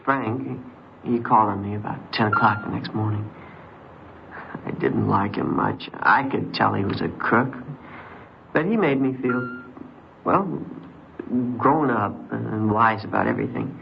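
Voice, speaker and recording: In an old-time radio crime drama, an actor plays a naive, boastful American teenage runaway posing as a soldier, sounding hesitant, defensive and eager to seem grown-up in a confiding, subdued mood. His lowish voice is gravelly and expressive, at a measured pace. The vintage recording is dull, with background noise and music behind.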